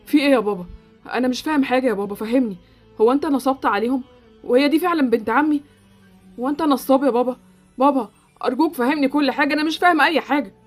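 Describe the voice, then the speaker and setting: A woman's voice: high-pitched, very fast, faint music behind. A woman voicing an earnest, lovesick young man in an Egyptian Arabic Roblox drama, who speaks in a pleading way.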